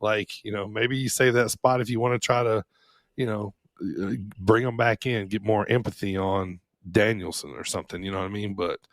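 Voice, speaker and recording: A man's voice: fairly low pitch, steady tone, normal speed, dry recording. A man co-hosting a podcast, talking casually in a rambling way with lots of "you know" and swearing. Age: adult. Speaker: podcast co-host. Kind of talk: casual chat.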